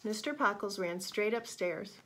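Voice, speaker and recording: A woman narrates a children's picture book aloud in an expressive, lively storytelling way. She stops now and then to ask her young listeners questions. A faint hiss sits under her voice. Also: medium pitch, measured pace.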